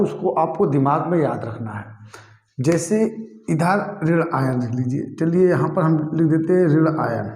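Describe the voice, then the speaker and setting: A man's voice: a little high, darkish tone, reverberant. A man teaching a chemistry lesson, who keeps repeating key terms and quizzing his students with "what will it be called?". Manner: addresses students as "bhaiya" and "ji". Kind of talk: classroom lecture.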